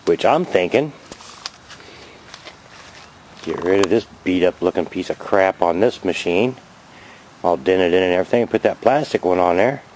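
A man in his fifties giving a rambling, chatty show-and-tell vlog outdoors by his garage, filming on a handheld camera and getting excited over his finds. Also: low voice, moderate pace, a little hiss or hum, rough recording. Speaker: vlogger.

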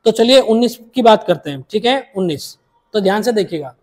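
Male maths teacher, patient and repetitive, slows down to spell out each step for the class. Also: high voice, expressive, darkish tone. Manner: repeats each step slowly, addresses students as dear children. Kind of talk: blackboard maths lesson.

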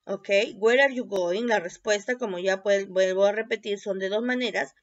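A woman teaching a bilingual English lesson, repeating each word slowly and often checking with a quick "ok?". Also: medium pitch. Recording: dull lo-fi recording.

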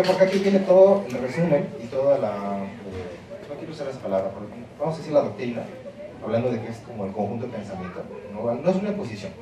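Male lecturer, mid-pitched, emphatic and explanatory, heard from far off in a booming lecture hall with an audience. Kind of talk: university lecture. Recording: very echoey hall, mic far off, audience noise.

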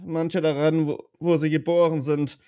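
A man's voice: on the high side, little pitch movement, moderate pace, warm tone. A man playing his knight character in a tabletop role-play, talking in a reflective, hesitant way. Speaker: player.

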